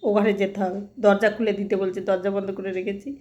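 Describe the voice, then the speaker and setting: A woman chatting casually to her viewers at home while coaxing her dog to eat in high baby talk. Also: level tone, quick pace, mellow, reverberant, dull audio. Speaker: vlogger.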